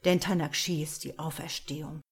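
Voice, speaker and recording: A woman voicing a polite male replicant pallbearer who speaks with calm, formal, calculated courtesy. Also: low-pitched, moderate pace, breathy edge. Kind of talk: audiobook character voice.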